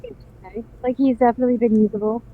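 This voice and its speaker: A woman's voice: fairly high pitch, steady tone, quick pace, a little hiss or hum. A woman co-hosting a casual chat, her voice muffled as if heard through a wall, starting hesitantly with fillers. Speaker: podcast co-host. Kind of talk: casual chat about a mobile game.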